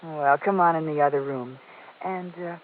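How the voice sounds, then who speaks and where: Actress as femme fatale Marcia, tinny old radio. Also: female voice, low voice, normal speed, lightly acted. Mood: coy, flirtatious. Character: seductive, evasive femme fatale widow, desperate when cornered. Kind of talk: 1950s radio detective drama acting. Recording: thin, noisy vintage radio recording.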